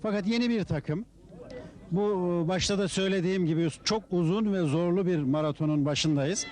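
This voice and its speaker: A man's voice: sits high, normal speed. A man speaking for a football club in a spontaneous sports interview. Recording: outdoor interview with crowd noise.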